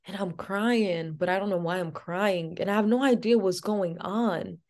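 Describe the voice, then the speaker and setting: A woman's voice: medium pitch, moderate pace, a little mellow. A woman as an interview guest, telling a personal story in a casual, chatty way with many "like" fillers.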